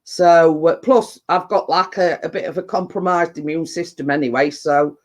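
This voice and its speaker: A man's voice: fairly high pitch, steady tone, normal speed. A man with a Yorkshire accent, chesty and bunged up with a cold, chatting casually and ramblingly to live viewers. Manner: rambling, dialect-heavy. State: getting over a cold and chest infection. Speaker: livestream host.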